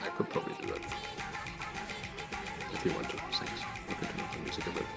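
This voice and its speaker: A man casually hosting a showcase stream from an empty meeting room at work, laid-back and joking, his voice carrying a cave-like echo. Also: a little fast. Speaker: mappool showcase host. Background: music playing.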